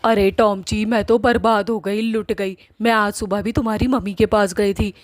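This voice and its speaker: A woman's voice: mid-range voice, fairly even intonation, normal speed, dry recording, studio quality, natural voice. A woman voicing a pleading young witch bride in a cartoon story, in a whiny tone.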